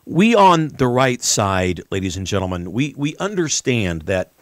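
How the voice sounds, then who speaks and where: An American man hosting a political talk show, delivering an emphatic, rhetorical monologue with deliberate pauses and repetition. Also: mid-range voice, sing-song, dry recording.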